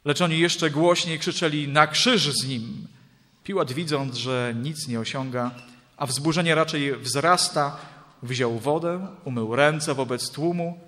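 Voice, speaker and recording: A man reading Scripture and preaching in a solemn, measured way, with dramatic rises in his voice. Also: on the high side, fairly bright tone. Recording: long hall reverb.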